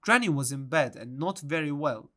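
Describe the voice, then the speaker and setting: A man's voice: fairly high pitch, animated, fairly bright tone. A man narrating a children's storybook aloud. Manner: slow, deliberate storytelling.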